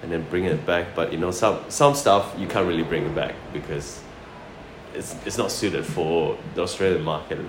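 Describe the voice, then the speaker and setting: This low-voiced man talks at normal speed. He's a chef from Sarawak, Malaysia, who later lived in New Zealand, and he tells anecdotes casually and informally in an interview, repeating phrases as he goes. The recording has a roomy echo and loud background noise.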